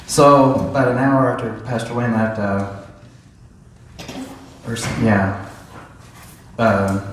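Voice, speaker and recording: A man's voice: medium pitch, takes it slowly, slight background noise. A man's echoey church testimony. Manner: animated storytelling, acting out dialogue. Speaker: church member giving a testimony. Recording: echoey church hall, voice heard from a distance.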